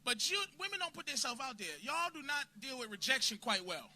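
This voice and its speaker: A man doing a crude, confrontational stand-up set in a comedy club, bursting into shouts at hecklers. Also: very high-pitched, very animated, a little fast.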